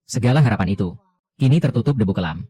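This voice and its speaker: A man narrating a dramatic first-person animated story in a steady reading voice. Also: fairly low pitch, fast talker.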